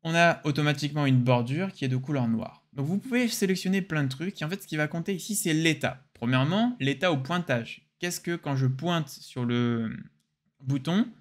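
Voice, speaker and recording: A young man with a French accent hosts a screen-recorded software tutorial. He explains each step casually and with enthusiasm. His voice sits a little higher than most men's. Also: moderate pace.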